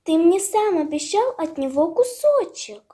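A woman's voice: very high-pitched, very animated, unhurried, warm tone, voice pushed up, exaggerated voice. Woman voicing a timid curious fox cub. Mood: wistful. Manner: timid, wondering.

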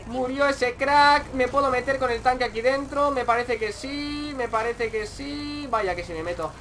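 A young man with a Spain Spanish accent giving excitable gameplay commentary, repeating phrases in quick bursts. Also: very high voice, slight background noise. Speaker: gaming YouTuber.

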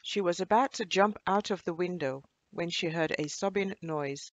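A woman reading a children's storybook aloud in a gentle, expressive way. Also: fairly low pitch, normal speed, no echo, dull audio.

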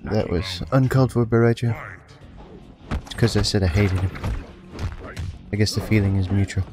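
A let's play host with a lowish, steady voice talks at a normal speed while playing a fighting game, as faint game music plays. He jokes, swears and taunts the characters on screen.

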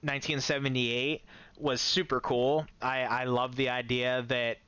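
A man's voice: mid-range voice, flat delivery, measured pace, pushed and bright, clean tone, dry recording. A man giving a casual, enthusiastic movie-ranking commentary, chuckling often and rambling with restarts. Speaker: movie reviewer.

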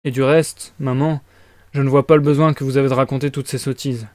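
A man's voice: mid-range voice, little pitch movement, brisk, darkish tone, no room sound, natural voice. A man reading aloud and voicing a feverish, irritable young student who speaks in abrupt, agitated bursts. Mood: irritated. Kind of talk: audiobook reading.

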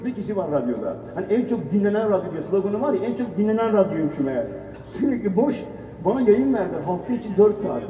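A man telling comic stories on stage and acting out quoted voices. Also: high-pitched. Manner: animated, acts out quoted voices. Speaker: stand-up storyteller, radio presenter. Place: event hall. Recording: echoey hall, far from the mic, dull sound.

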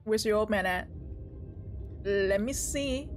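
A woman giving casual, reactive gameplay commentary as a streamer, excitable and slangy, often exclaiming. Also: medium pitch, slow pace, faint music behind. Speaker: game streamer.

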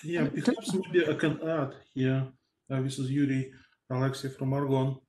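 A man's voice: mid-range voice, steady tone, moderate pace, darkish tone, reverberant, poor audio. A man, a researcher on a panel over a video call, talking thoughtfully with many fillers and hedges.

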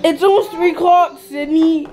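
A young woman talks into her camera for a daily vlog, her voice sitting high. She teases and bickers playfully, keeping it loose and casual. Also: normal speed, noisy background. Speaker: vlogger. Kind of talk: casual chat.

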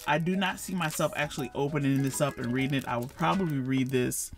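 A man's voice: mid-range voice, quick pace. A man giving a casual tour of his manga collection at home, chatty and self-correcting, laughing at himself and calling his viewers y'all. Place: home room with shelves.

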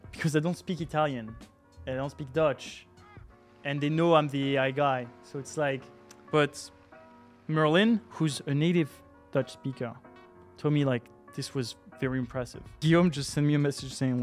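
A man hosting a tech video, talking casually and teasingly to friends and to camera. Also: a little high.

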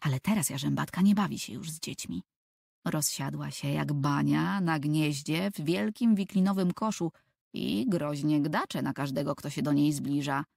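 A woman's voice: deep voice, moderate pace, creaky, a little mellow, slightly rough, dry recording, clean studio sound. A woman narrating a children's book for an audiobook, telling the story expressively.

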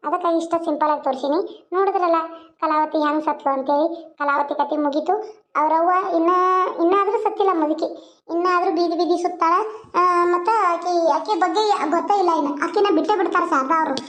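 A woman's voice: extremely high pitch, fast. A woman cartoon-channel creator giving a chatty, rambling update to viewers.

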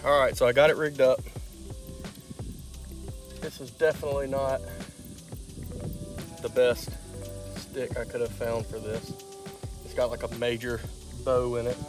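A man's voice: medium pitch, level tone, unhurried, pauses often, over music. A young man, chatting casually to a phone camera while fishing outdoors on a lake. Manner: easygoing, chatty, talks while working. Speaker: fishing vlogger. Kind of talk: casual outdoor vlog narration. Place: outdoors on a lake in a boat and on a wooded bank. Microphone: handheld phone at arm's length.

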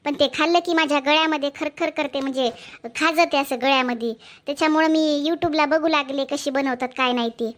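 A gentle, dutiful young wife and elder sister in a cartoon family drama, voiced by a woman. She speaks softly and patiently. Her voice sits high. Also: steady tone, a little fast, lightly acted. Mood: explaining.

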